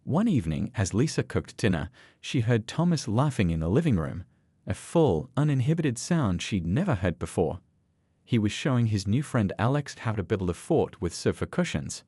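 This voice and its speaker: A man narrating a scripted story in a measured, expressive way. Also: fairly low pitch, husky, dry recording.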